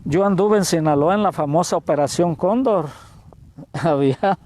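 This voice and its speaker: A man in his sixties with a Mexican accent, preaching a sermon as an evangelist and telling a story with feeling, booming at some moments and going hushed at others. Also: normal speed, a little hiss or hum. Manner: emotional storytelling, swings between loud exclamations and hushed words.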